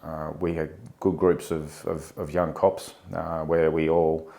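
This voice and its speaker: A very deep-voiced Australian man in his forties answers interview questions in a relaxed, conversational way. He pauses often with ums and uhs, thinking back as he talks. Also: vocal fry. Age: 40s. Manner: hesitant, many ums and uhs, reflective. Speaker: podcast guest, former police officer.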